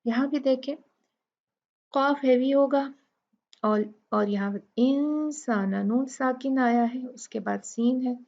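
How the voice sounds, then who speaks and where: A woman with an Urdu accent teaching Quran recitation rules, explaining each rule step by step and then reciting the words slowly. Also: sits high, highs cut off. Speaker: tajweed teacher.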